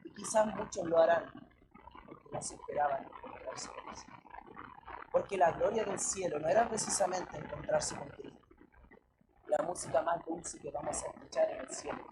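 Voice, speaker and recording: This low-pitched woman with a Chilean accent delivers a sermon at a normal pace over background noise. Her style is forceful, full of rhetorical questions, with frequent appeals to her audience as "brother."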